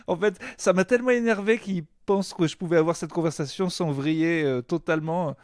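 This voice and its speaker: A man co-hosting a podcast, telling animated stories with frequent laughter. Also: fairly high pitch, brisk, no room sound, studio quality. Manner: animated storyteller, laughs often. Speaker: podcast co-host. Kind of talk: casual chat.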